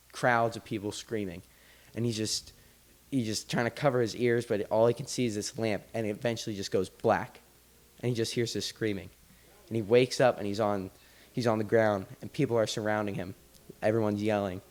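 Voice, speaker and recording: Low-voiced man telling a story casually. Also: fairly even intonation, moderate pace. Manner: retells a story loosely, full of "like" and restarts. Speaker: podcast host.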